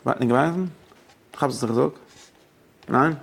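Ein Mann hält einen lebhaften Lehrvortrag über religiöses Recht, mischt Deutsch, Englisch und Jiddisch und stellt seinen Zuhörern Fragen. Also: male voice, medium pitch, normal speed, creaky, slightly rough. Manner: mixes German, English and Yiddish with rabbinic terms; poses questions to listeners. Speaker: teacher of religious law. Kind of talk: lively study-hall lecture.

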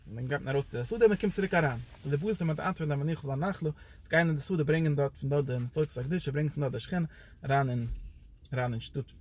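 A man teaching a Torah lecture in a loose, rambling way, his voice jumping up and down for emphasis. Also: a little fast. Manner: animated, pitch jumps up and down for emphasis.

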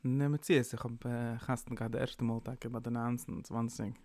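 A man's voice: mid-range voice, level tone, a little fast, darkish tone, no room sound. A man giving an informal, rambling sermon, mixing in English words. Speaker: preacher. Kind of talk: informal Yiddish-tinged sermon.

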